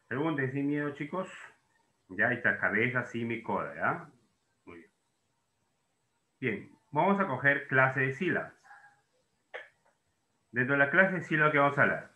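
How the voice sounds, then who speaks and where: Animated, bright-voiced male teacher. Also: mid-range voice, moderate pace, pauses often, echoey room. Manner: explains in questions, voicing students' doubts himself. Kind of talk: classroom lesson.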